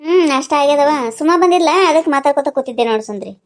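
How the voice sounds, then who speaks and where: A patient, motherly aunt, voiced by a woman, soothes. The cartoon voice is high and quick. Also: animated. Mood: soothing. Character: motherly middle-aged aunt, gentle and calming.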